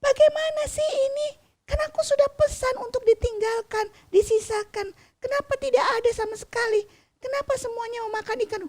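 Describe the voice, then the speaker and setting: A woman playing a worn-out fisherman home from the sea, his scolding leaping high and loud as his temper breaks. the storybook voice stays gravelly and raw. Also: very animated, takes it slowly, full character voice. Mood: furious. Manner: scolding, shouting. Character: tired angry fisherman father.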